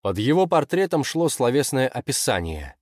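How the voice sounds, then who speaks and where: Here a man narrates an audiobook, reading a scripted fiction text with measured expressiveness. His voice sits in the mid range, and the recording is studio quality without any audible room.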